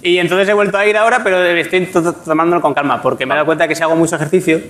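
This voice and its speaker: A man, a comedian telling self-mocking stories on a talk show, stammering and animated. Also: on the high side, rapid-fire. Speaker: comedian guest. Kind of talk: comic storytelling on a talk show.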